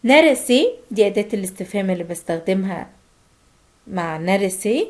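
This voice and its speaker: A woman with an Egyptian Arabic accent teaching a language lesson, slowing right down for the example phrases. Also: medium pitch, animated. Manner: slow, drawn-out Turkish example phrases between Arabic explanations.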